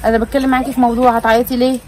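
A woman's voice: on the high side, flat delivery, racing, darkish tone. An Egyptian woman, a mother vlogging with her family, talking in a coaxing, insistent way. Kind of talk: casual family vlog chat.

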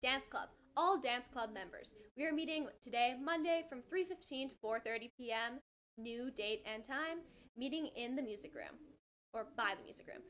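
A woman's voice: a little high, moderate pace, fairly bright tone, slight background noise. A teenage girl reading school announcements from a small school studio, stumbling over some words. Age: teens. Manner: reads carefully, stumbles on words. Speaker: student announcer.

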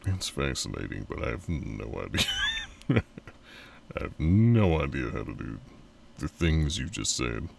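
Very deep gravelly-voiced male streamer. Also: sing-song, a little slow, long pauses, distant mic, background noise. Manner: chatty, laughs often, talks to chat. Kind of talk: casual live gaming stream.

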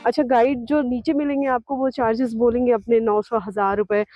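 A woman's voice: a little high, steady tone, fairly quick, faint music behind. Woman vlogger giving travel tips. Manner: advising viewers, explanatory. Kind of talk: casual travel vlog. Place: outdoors on a mountain meadow. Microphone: camera held at arm's length. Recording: dry, slightly dull camera audio.

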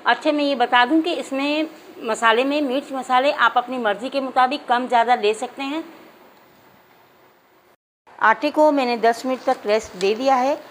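A woman with a high, clear voice walks viewers through a home recipe step by step. She talks in a calm, instructive way and keeps addressing her audience directly. A faint hiss of noise sits under the recording. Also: moderate pace, low-quality recording. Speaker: cooking channel host. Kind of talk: step-by-step cooking demonstration. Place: home kitchen.

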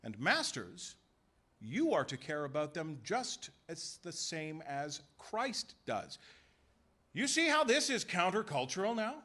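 A man preaching in a church sanctuary, pressing his points with rhetorical questions and quick voiced asides. His voice is bright and sits fairly high, and it swings widely in pitch as he moves from hushed lines to ringing ones. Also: very animated. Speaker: pastor. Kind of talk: sermon.

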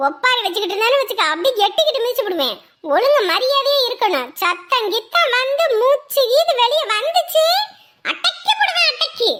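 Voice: extremely high pitch, lively intonation, brisk, bright, forceful tone, exaggerated voice. A voice actor doing a bossy, bullying cartoon older woman. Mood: domineering. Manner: harsh, scolding commands. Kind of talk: cartoon comedy dialogue.

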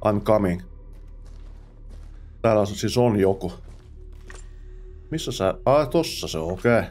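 A man with a fairly low, darkish, animated voice hosts a let's play with faint music behind him. The gamer host chats and mutters to himself while playing, dropping English exclamations and curses.

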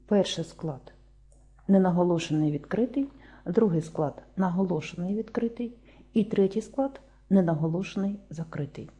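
A Ukrainian woman teaches a lesson, breaking each word down sound by sound. Her voice is very dark and mellow, with a husky edge, pitched a little low. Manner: slow, deliberate, spelling out sounds one by one.

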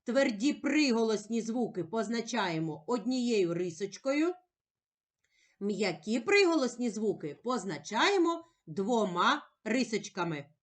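A woman teacher giving a slow, clear reading lesson to young children, stretching out the sounds in a sing-song way. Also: fairly high pitch, very animated. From Ukraine.

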